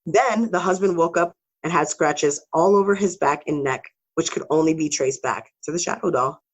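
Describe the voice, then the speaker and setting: A woman's voice: sits low, moderate pace, poor audio. A woman co-hosting a podcast, telling spooky stories in a casual, swearing, joking way. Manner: casual, swears, laughs between story beats. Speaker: podcast co-host. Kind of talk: casual storytelling podcast chat.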